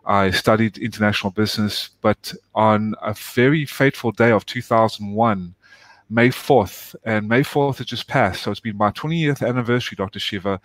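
An earnest man from South Africa, speaking as a guest in a long interview. His voice is fairly low and the sound is dry and close, with little room around it. He talks with steady, heartfelt emphasis. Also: moderate pace, no echo. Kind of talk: interview conversation.

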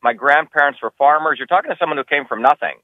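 This political candidate, a man who grew up in New Jersey, responds to interview questions at a quick pace, insistent and emphatic, with his pitch rising when he gets heated. The audio has phone-quality sound with no room sound.

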